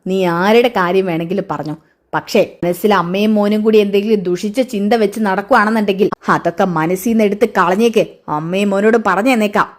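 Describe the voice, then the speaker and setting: A woman's voice: medium pitch, fairly quick, close to an everyday voice. A woman voicing a stern old grandfather who gives firm warnings. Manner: stern, admonishing.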